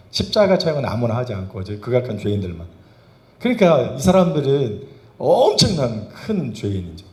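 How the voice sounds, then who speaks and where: Korean pastor preaching in a roomy church. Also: male voice, lowish voice, mellow. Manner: asks the congregation rhetorical questions, emphatic. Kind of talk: sermon. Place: church sanctuary.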